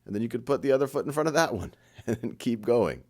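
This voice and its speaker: Leading a guided meditation in a relaxed, conversational way, this man speaks quickly with lively intonation in a mid-range voice, keeping things gentle and encouraging with a touch of humour at his own expense.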